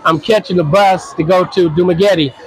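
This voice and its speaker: A man in his sixties from the United States, answering interview questions in a halting, earnest way with many restarts. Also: high voice, steady tone, slightly rough, poor audio. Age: 60s. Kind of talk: casual interview.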